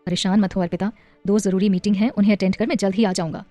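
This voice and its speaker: Woman doing a caring husband in an audio story, calming and protective, middle pitch, faint music behind. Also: fast, no echo, natural voice. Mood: soothing. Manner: soothing then urgent. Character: adult man, worried loving husband and father.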